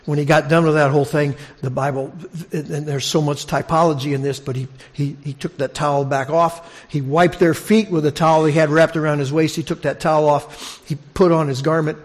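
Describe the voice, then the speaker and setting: This preacher's voice sits on the high side and holds a steady tone. He talks fairly quickly with hardly any pauses. He delivers a conversational expository sermon, questioning his congregation and repeating phrases for emphasis.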